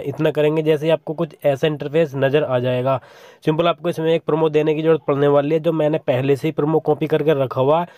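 The pitch sits on the high side for this young man, recorded cleanly in a studio with no echo. As a tutorial channel host, he guides viewers step by step through a screen recording of his phone, often repeating "simple."

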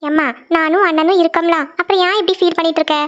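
A woman's voice: very high voice, fairly even intonation, fast, muffled recording. A woman voicing a caring teenage daughter in a cartoon, coaxing and reassuring her mother. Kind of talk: cartoon voice acting.

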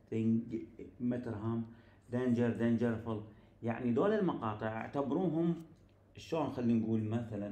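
A man with an Iraqi Arabic accent leads an online English grammar lesson in a recorded lecture, explaining with patience and frequently making sure his students are keeping up. His medium-pitched voice is gravelly yet mellow, and there's a clear echo in the room.

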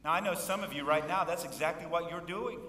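A pastor in his fifties preaches a folksy, joking sermon in a church sanctuary, calling for responses from the congregation. His fairly high, sharp voice moves at a quick pace, picked up from far off in an echoey hall with slight background noise.

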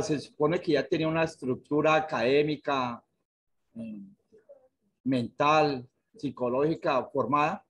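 A man's voice: medium pitch, slight background noise. A middle-aged man from Colombia giving a frank, earnest personal testimony on a video call. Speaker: director of a therapeutic community. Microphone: video call webcam.

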